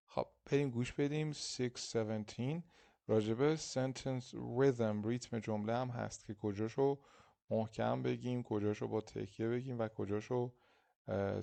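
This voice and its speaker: A man teaching an English lesson, reading example sentences slowly and translating them quickly. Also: mid-range voice, creaky, dark tone. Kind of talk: casual lesson explaining in Persian.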